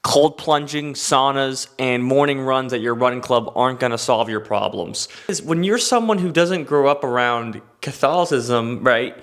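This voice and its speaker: A man's voice: medium pitch, normal speed, few pauses. A young man hosting a comedy show, ranting in a stand-up style monologue, cursing freely and slipping into mock voices. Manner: animated, swearing, jumps into mock voices.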